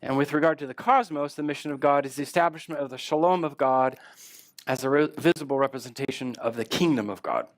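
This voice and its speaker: A man speaking at a conference, giving a lecture with relaxed, self-deprecating humor. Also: mid-range voice, fast talker, dry recording. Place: conference hall.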